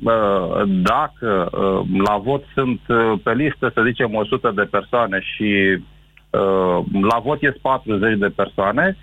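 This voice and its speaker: A man calling in to a radio show, speaking hesitantly with lots of pauses and restarts. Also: lowish voice, gravelly, no room sound. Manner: hesitant, many fillers and restarts. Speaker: caller. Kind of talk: call-in radio chat. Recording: tinny phone line.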